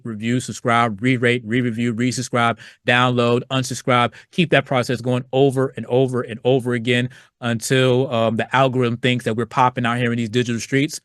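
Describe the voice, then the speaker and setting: A man's voice: medium pitch, steady tone, a little fast, fairly bright tone, dry recording, studio quality. A middle-aged man from Virginia hosting a solo podcast, talking loosely and profanely in slang and acting out quoted voices along the way. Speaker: podcast host.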